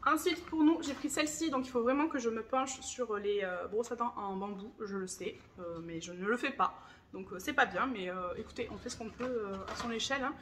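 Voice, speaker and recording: Thirties woman, high voice, chatty home-vlog delivery, faint background hiss. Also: fairly quick, fairly bright tone. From France. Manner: chatty, enthusiastic, confiding. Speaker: vlogger. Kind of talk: casual grocery haul chat.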